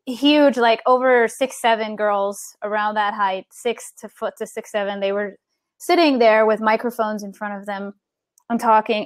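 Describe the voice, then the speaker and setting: A woman's voice: mid-range voice, clear, resonant tone, dry recording. A woman guest telling a personal story in a casual interview, acting out the voices of the people in it. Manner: animated, acts out the people in her story.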